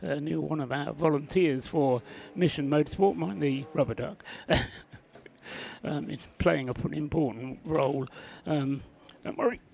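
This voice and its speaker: Male race commentator, gravelly and fairly high, chatty, lots of fillers. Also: a little slow, a little mellow. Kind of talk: live race broadcast commentary.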